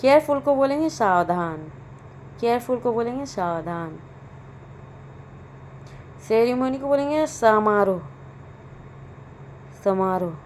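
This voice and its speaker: A woman with a fairly high voice runs a slow vocabulary drill, giving each word and its meaning twice over. She speaks very slowly and carefully, like a patient tutor. A faint hiss of noise sits behind her. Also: expressive, a little mellow. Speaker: English teacher.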